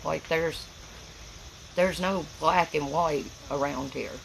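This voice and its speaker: A woman from Tennessee with a gravelly voice and an Appalachian accent, chatting casually and plainly on a livestream in a folksy, rambling way. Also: low voice, steady tone, slow pace, slight background noise, poor audio. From Tennessee, United States. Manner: folksy, plain-spoken, rural speech. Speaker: livestream host.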